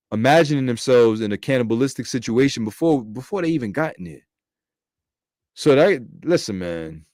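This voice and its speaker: A man offers casual commentary on scripture in slangy, profane street talk, thinking out loud and correcting himself along the way. His voice is mid-range with a darkish tone, captured in a dry, clean studio recording.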